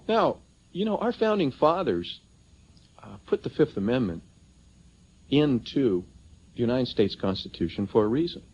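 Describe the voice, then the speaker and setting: Persuasive and emphatic, a man addresses a seminar crowd with anecdotes and rhetorical questions. His voice is on the high side, a little mellow, with a breathy edge. The audio comes from a dull, lo-fi seminar tape.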